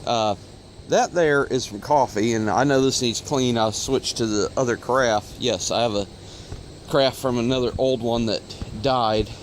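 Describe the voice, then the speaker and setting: A man's voice: mid-range voice, moderate pace, slight background noise. A man from Ohio, talking casually to his phone camera outdoors, rambling with many fillers and corrections. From Ohio, USA. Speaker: auto parts video host. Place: outdoors in sunlight. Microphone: phone recording.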